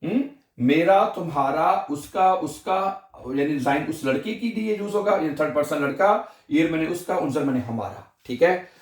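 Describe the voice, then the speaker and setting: A man's voice: fairly high pitch, lively intonation, normal speed. A man with a Pakistani Urdu accent teaching German grammar in a lesson, repeating each form and asking the listener to say it back. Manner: repeats forms and asks the listener to echo them.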